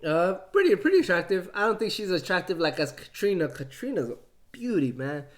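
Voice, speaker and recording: A man chatting excitedly in a casual review, retelling scenes and laughing often. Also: high-pitched, fairly quick. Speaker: wrestling show reviewer.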